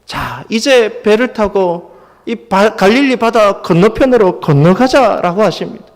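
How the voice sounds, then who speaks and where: A man preaching a Sunday sermon as pastor, now and then acting out the voices of the people in the story with raised intensity. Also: high voice. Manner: dramatizes the disciples' cries in a raised voice. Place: church sanctuary. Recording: long church hall reverb.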